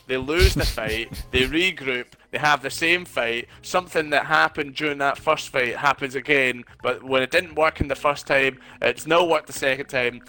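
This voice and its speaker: A man's voice: medium pitch, moderate pace, hardly any pauses, pushed and bright. A man in casual chat over a board game, laying out his opinion step by step. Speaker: podcast co-host.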